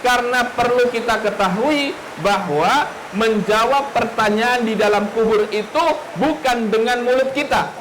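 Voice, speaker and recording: A man's voice: very high voice, unhurried, fairly bright tone, a little hiss or hum, low-quality recording. A man preaching a sermon who speaks straight to his listeners, asks them questions and repeats his key phrases. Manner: addresses the audience directly, asks rhetorical questions, repeats phrases. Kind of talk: sermon with storytelling.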